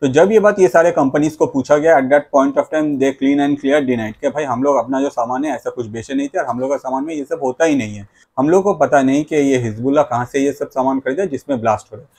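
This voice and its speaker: Using a lapel mic in a small, plain room indoors, a host and video creator talks to camera about the news in an explanatory style. His mid-range voice is a little fast, slightly mellow, and a bit rough, and he repeats catchphrases while slipping in English phrases.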